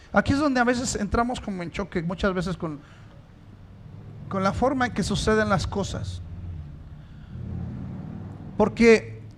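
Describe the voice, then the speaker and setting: A man with a high voice preaches a sermon in a church, putting rhetorical questions to the congregation and climbing into emphatic stresses.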